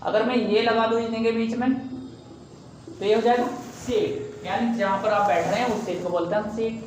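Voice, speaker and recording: A man's voice: high-pitched, fairly even intonation, a little fast, a little hiss or hum. Man teaching in a very echoey room. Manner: keeps addressing viewers as "guys", stretching and repeating demo sounds. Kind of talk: casual video lesson.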